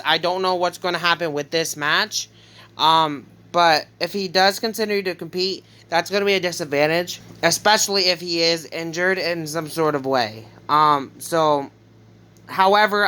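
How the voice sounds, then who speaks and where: A vlogger casually talking through wrestling predictions, hesitant, with frequent ums and quick self-corrections. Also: medium pitch, bright, forceful tone, clean tone.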